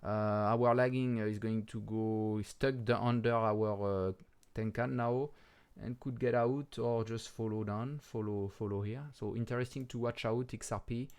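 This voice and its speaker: A man with a French accent and French as his first language, talking through crypto charts in a casual, halting way with many pauses and restarts, and swearing bluntly now and then. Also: on the low side, steady tone, a little mellow, smooth. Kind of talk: casual market commentary over charts.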